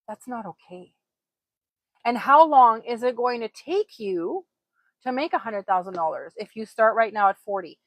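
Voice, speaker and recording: A woman's voice: a little high, no room sound. A woman in her forties from Poland, hosting a livestream and talking earnestly and casually straight to her viewers. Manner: chatty, earnest, addresses viewers directly. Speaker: livestream host. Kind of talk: casual motivational livestream talk. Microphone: own microphone.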